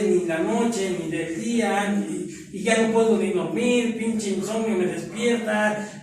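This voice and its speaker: A man with a high voice speaks in halting, repetitive bursts full of coarse slang. He gives a personal testimony at a recovery group meeting. He stands well back from the microphone, and the room rings with heavy echo. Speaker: recovery group member sharing his story. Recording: very echoey room, voice far from mic.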